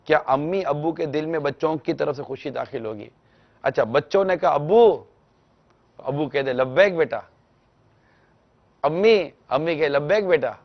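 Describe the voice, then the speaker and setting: A man answering a caller's question on a religious talk show, explaining gently and instructively and acting out small household exchanges. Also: on the high side, vocal fry, long pauses, dull audio. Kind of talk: televised religious advice talk.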